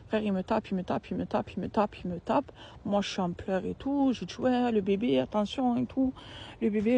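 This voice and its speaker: A woman's voice: medium pitch, warm tone, a little hiss or hum. A young woman, telling a personal story in a casual, slangy, emphatic and repetitive way.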